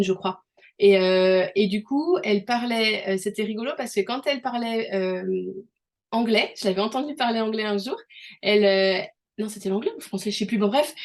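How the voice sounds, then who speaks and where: A chatty middle-aged woman from France hosts a casual conversational interview, speaking in a somewhat high voice. She explains things through everyday examples and often restarts her sentences.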